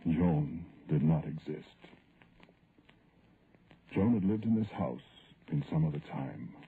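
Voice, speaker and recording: In a vintage radio horror drama, an actor plays a grieving, guilt-ridden man telling his ghost story in a solemn, literary style, anguished and brooding. His voice is extremely low, animated and slow, a full character performance. The recording is noisy and narrow-band.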